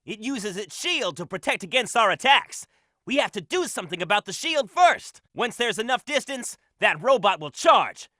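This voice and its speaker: A man voicing a cocky, upbeat young hedgehog hero in a video game, brash, energetic and confident. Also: sits high, moderate pace, no room sound, clean studio sound, exaggerated voice. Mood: instructive, eager.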